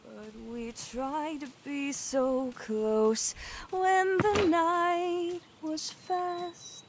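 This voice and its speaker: Disembodied, unseen singing voice; woman actor as a shy young singer, slightly high, unhurried, over music. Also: fairly even intonation, slight background noise. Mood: wistful. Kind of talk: slow soft singing.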